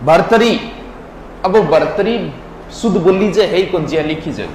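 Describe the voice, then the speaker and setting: A man's voice: high-pitched, expressive, normal speed, a little mellow. A man, teaching in a classroom lecture and drilling words syllable by syllable while quizzing his listeners. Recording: echoey hall with faint noise.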